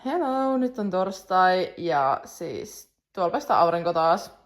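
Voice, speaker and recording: A woman's voice: lowish voice, sing-song, noisy background. A young woman in her twenties, casually vlogging to a phone camera at home, chatty and upbeat with lots of fillers. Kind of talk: casual vlog chat to camera. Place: at home, indoors.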